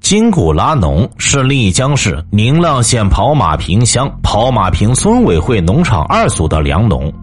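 Husky man narrating a crime story. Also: on the low side, unhurried, hardly any pauses. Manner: storytelling, lively intonation. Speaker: host. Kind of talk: scripted true-crime narration.

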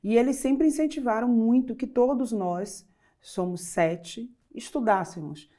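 Being interviewed, this middle-aged guest from Bahia, Brazil, sounds earnest and thoughtful, often using fillers and starting her sentences over. She has a fairly high, mellow voice and speaks at a measured pace.

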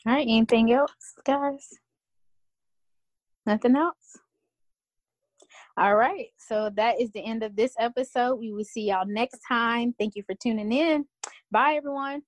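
A woman's voice: a little high, unhurried, pauses often, no echo. A woman hosting a casual group podcast, laughing often. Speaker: podcast host.

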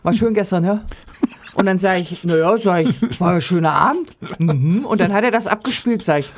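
A woman telling lively anecdotes in casual chat, laughing often and acting out quotes. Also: medium pitch, moderate pace, a little hiss or hum.

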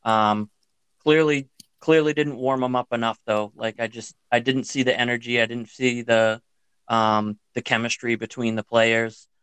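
A man's voice: mid-range voice, steady tone, normal speed, a bit bright, clean tone, dry recording. A man co-hosting a casual sports podcast in a conversational way. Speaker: podcast co-host.

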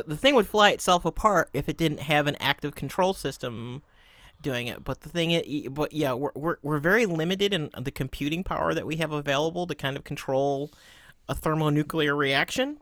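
A man's voice: a little high, brisk, a bit bright, dry recording, studio quality. A man explaining things casually on a podcast, stumbling over restarts.

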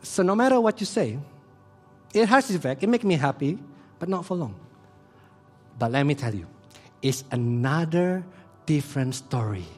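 A man preaching a sermon who swings between hushed and loud delivery. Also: a little high, animated, moderate pace, pauses often, faint music behind. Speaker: pastor.

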